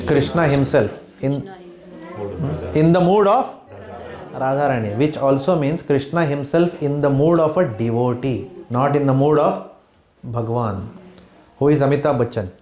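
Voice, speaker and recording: A man's voice: a little high, a little mellow, roomy sound. A man from Bombay with an Indian accent, teaching a devotional home class and often asking the listeners "hmm?" and "right?". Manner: keeps checking in with "hmm?" and "right?", quizzes listeners with questions. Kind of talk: spiritual class talk mixing English and Hindi. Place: room in a home.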